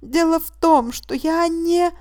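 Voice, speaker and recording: A woman reading the part of a meek, tearful accused man who pleads slowly and sometimes drops to a whisper. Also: very high voice, dry recording, studio quality, pitched above the performer's own voice. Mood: sobbing pleading. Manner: tearful, pleading and quietly insistent, slipping into a hushed whisper. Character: weepy, meek male mechanic accused of a crime.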